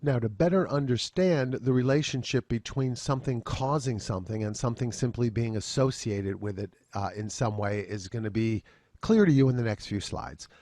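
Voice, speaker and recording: A man's voice: mid-range voice, normal speed, a little mellow, dry recording. A man lecturing at a continuing education seminar, walking through slides and dropping dry joking asides.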